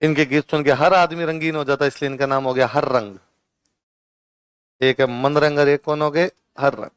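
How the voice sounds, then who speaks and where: A male teacher with a Rajasthani Hindi accent, pitched a little high, gives an exam-prep lecture. He fires off questions and answers them himself, then slows down to dictate notes line by line. His voice is clear and resonant in a dry, close recording. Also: steady tone, no room sound. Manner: dictates notes slowly, repeating each line.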